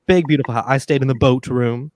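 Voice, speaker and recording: A man's voice: medium pitch, fast talker, no room sound, clean studio sound. A man hosting a live stream party, telling stories and reading sponsor ads with playful energy. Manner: animated storyteller, reads sponsor ads playfully. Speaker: host.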